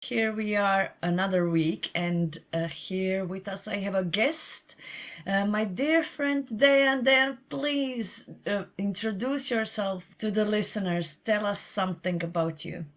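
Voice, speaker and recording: A woman's voice: mid-range voice, unhurried. A woman hosting a podcast, chatting in an upbeat way with frequent fillers. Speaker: podcast host. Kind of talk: casual podcast chat.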